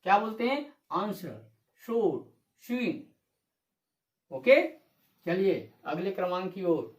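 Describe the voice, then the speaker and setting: A patient teacher explaining step by step, repeating each rule and asking the listener questions before answering them. The voice sits at a medium pitch. It rings in an echoey, roomy space. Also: very animated, slow pace. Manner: repeats rules and asks rhetorical questions to the viewer. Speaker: English teacher. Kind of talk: classroom-style video lesson. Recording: echoey room.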